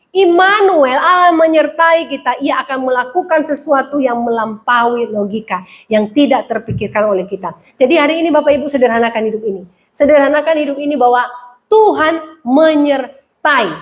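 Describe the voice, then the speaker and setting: A woman pastor preaching a sermon, mixing humorous home stories with emphatic repeated phrases. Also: high voice. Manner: humorous storytelling, emphatic call-and-response phrasing.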